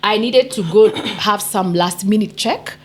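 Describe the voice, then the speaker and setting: A woman from Kenya with a croaky voice, telling her own story on a podcast. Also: mid-range voice, a little slow. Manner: animated storyteller, quotes others. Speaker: podcast co-host. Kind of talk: personal storytelling.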